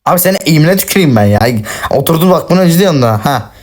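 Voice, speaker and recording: Guy playing a mobile shooter, slightly high voice, excitable and swearing a lot, jokey about himself. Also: racing. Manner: excitable, cursing, self-mocking. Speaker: gaming channel host. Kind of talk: casual gameplay commentary. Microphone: playing on a phone.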